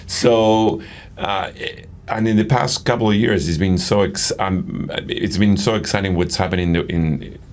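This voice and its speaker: A man's voice: low-pitched, fairly even intonation, measured pace, darkish tone, slight background noise. A middle-aged man from Argentina, a padel coach as interview guest, talking enthusiastically with many fillers and restarts. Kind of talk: casual interview conversation.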